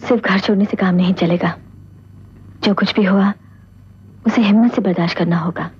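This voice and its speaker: An actress playing a calm, practical woman who gives firm advice. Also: mid-range voice, moderate pace, background noise, lightly acted. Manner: firm and advising. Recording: dull old film soundtrack with score.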